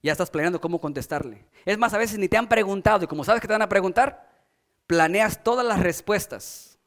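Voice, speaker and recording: A man preaching a sermon as pastor, building emphasis through repetition and dropping into soft, low asides. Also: brisk.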